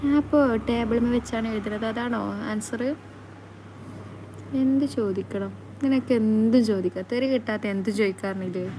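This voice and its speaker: A woman chatting casually on a live stream, reading out comments and teasing her viewers in a playful, quick back-and-forth. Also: a little high, warm tone, a little hiss or hum.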